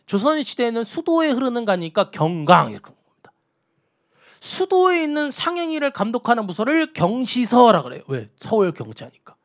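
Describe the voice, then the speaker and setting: Man lecturing with lively high pitch. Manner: asks students questions and answers them himself; repeats key terms for emphasis. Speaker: Korean history lecturer. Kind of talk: exam-prep lecture.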